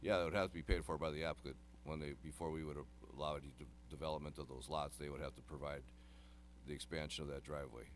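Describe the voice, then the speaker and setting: A man with an extremely deep voice explains city land rules at a public meeting. He speaks quickly and plainly, in a procedural, matter-of-fact manner, with a faint hum behind him. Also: steady tone. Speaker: city planning staff. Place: council meeting room.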